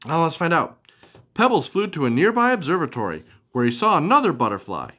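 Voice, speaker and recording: A man hosts a children's storytime, giving an animated picture-book reading and chatting casually with the kids to explain things. His voice is a little high and sharp, with big pitch swings, and he speaks a little fast.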